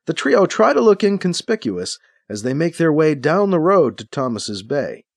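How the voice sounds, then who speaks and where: A man reading scripted audiobook narration of a science-fiction story in a steady, storytelling manner. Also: fairly high pitch, moderate pace, gravelly, no room sound, studio quality.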